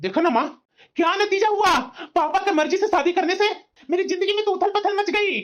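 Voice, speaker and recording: A woman's voice: very high-pitched, animated, a little fast. A woman voicing an angry young husband in a family cartoon, harsh and scornful. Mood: bitter. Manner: shouting accusations, scornful. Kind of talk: cartoon voice acting.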